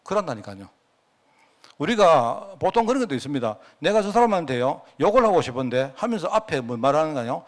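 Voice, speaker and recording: A man's voice: fairly high pitch, sing-song, brisk. A male pastor with a Gyeongsang accent preaching a sermon in a conversational way, often asking the congregation questions. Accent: Gyeongsang Korean.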